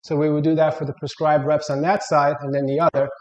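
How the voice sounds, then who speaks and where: A man's voice: a little high, level tone, fast, muffled recording. A man coaching an exercise, giving plain-spoken step-by-step instructional cues. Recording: echoey room.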